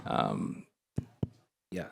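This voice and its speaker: A man's voice: drawn-out words, a bit bright. Upbeat man moderating a panel. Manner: upbeat, joking introductions. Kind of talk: conference panel hosting. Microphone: shared handheld mic.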